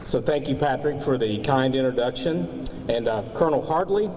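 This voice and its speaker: A man's voice: medium pitch, moderate pace. A man giving a formal thank-you speech as a corporate sponsor's representative. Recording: echoey, distant mic, loud vehicle noise.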